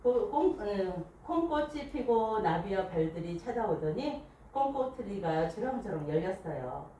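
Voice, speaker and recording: Lively woman reading a picture book aloud. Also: mid-range voice, unhurried. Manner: expressive storytelling, asks listeners questions. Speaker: picture book reader at a book club. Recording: echoey room, distant mic, faint hiss.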